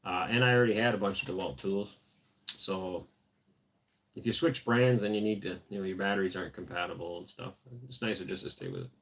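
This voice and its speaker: A tired man with a deep voice hosts a laid-back homestead livestream, briskly reading out viewer comments and answering them casually with fillers.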